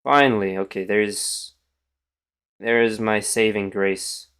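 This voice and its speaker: A man's voice: on the low side, slow, a bit bright, clear, resonant tone. A tired young man with a morning voice, thinking aloud as he streams chess and trails off into mumbles. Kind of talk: casual live-stream commentary.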